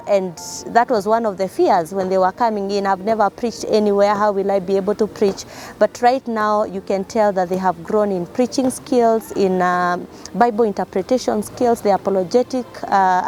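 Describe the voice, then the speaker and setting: A woman giving a spoken testimonial in a halting, measured way. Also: mid-range voice, a little mellow. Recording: faint music behind the voice.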